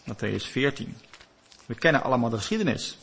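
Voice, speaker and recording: Lively husky male preacher. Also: fairly quick. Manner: animated storytelling, rises and drops in pitch. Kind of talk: sermon.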